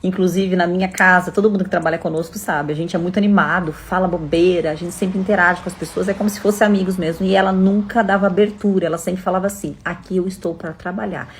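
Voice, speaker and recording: Brasileira falante, voz grave e rápida. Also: female voice, fairly low pitch, steady tone, quick pace, hardly any pauses, a little hiss or hum. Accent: Brazilian Portuguese. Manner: chatty, addresses viewers directly. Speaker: storyteller vlogger. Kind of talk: casual storytelling to camera.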